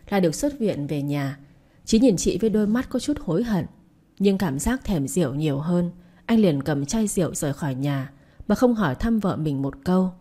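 A woman narrating a family drama story in a steady, measured way. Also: fairly low pitch, husky.

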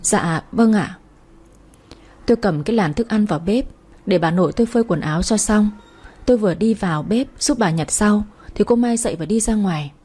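A woman narrating a story aloud in a steady storytelling manner. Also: medium pitch, fast talker, husky.

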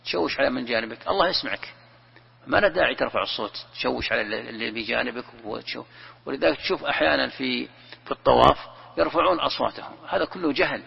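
A man's voice: medium pitch, fast talker, gravelly, slightly rough. A man teaching a religious lesson, explaining in a conversational way and asking and answering his own questions. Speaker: sheikh teaching Quran commentary. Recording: lo-fi recording with long reverb.

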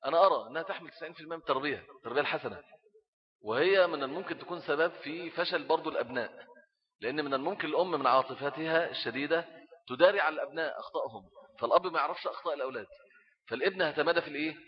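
Brisk Egyptian preacher, lo-fi recording. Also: male voice, a little high. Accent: Egyptian Arabic. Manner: animated, acts out little scenes and laughs. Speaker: Islamic preacher. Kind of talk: religious talk on parenting. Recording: dull lo-fi recording.

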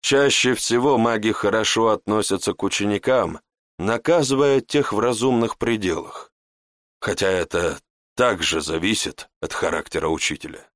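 A man voicing a calm, dry-spoken servant. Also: on the low side, no echo, lightly acted. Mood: explaining. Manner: measured, dry.

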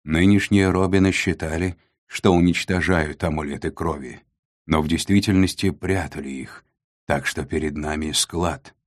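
A man voicing a male advisor mage of a dark court with a croaking voice. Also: extremely low pitch, fairly even intonation, normal speed, no echo, studio quality. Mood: dry, matter-of-fact.

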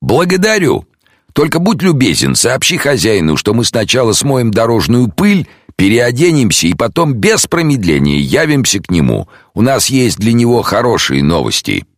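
A man's voice: mid-range voice, very animated, moderate pace, dry recording, clean studio sound, pitched above the performer's own voice. A man voicing a polite, composed Victorian detective in an audiobook. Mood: courteous. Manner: courteous, formal.

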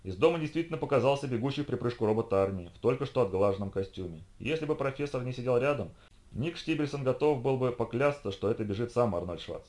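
A man's voice: medium pitch, lively intonation, quick pace, a little mellow. Man reading a story aloud. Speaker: narrator. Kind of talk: audiobook narration.

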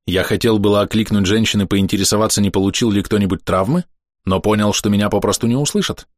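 A man narrating a first-person fantasy audiobook with an expressive, lively reading. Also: fairly low pitch, quick pace, no echo, clean studio sound.

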